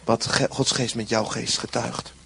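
A man's voice: mid-range voice, little pitch movement, a little slow, gravelly, fairly bright tone, breathy edge. A man preaching a sermon in an earnest way, repeating short phrases for emphasis.

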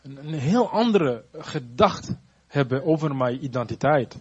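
Halting, husky-voiced man testifying. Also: medium pitch, lively intonation, highs cut off. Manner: halting, searching for words with many restarts. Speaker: churchgoer giving a testimony. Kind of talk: personal faith testimony.

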